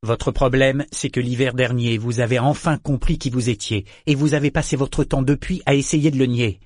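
A man's voice: mid-range voice, steady tone, moderate pace, a little mellow, dry recording, clean studio sound, lightly acted. A man voicing a blunt, sardonic male sailor in an audiobook, mocking and needling in his delivery. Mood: pointed. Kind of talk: audiobook character voice.

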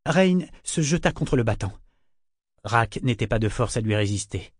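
A man narrating a novel in an even, measured storytelling voice, pitched at an ordinary middle level. The sound is close and dry, with no room echo. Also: slightly rough. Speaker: audiobook narrator.

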